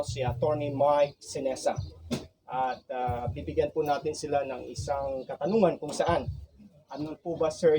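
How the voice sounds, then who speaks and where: A man with a Filipino accent reporting as a radio host in the field, polite and formal, pausing with hesitations. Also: medium pitch, background noise. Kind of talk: radio news reporting and interview.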